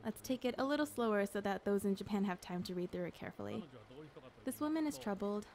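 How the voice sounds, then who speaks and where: A woman's voice: mid-range voice, lively intonation, quick pace, darkish tone. Woman giving casual game walkthrough commentary. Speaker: English dub narrator speaking a game director's commentary.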